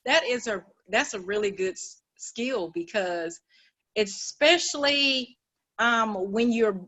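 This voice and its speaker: A woman hosts a conversational interview, with a voice pitched somewhat high. She agrees readily with her guest and expands on each point with everyday examples. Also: slow pace, bright, forceful tone. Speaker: interview host.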